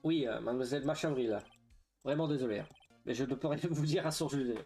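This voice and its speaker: A man voicing a gruff, friendly police detective in a video game, dropping low at the ends of phrases. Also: fast talker, a little mellow, faint music behind, lightly acted.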